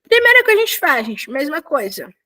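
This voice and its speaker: A woman's voice: high voice, big pitch swings, moderate pace, bright, forceful tone. A young woman teaching a casual online language lesson, chatty and often correcting herself and checking in with students. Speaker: volunteer Korean teacher.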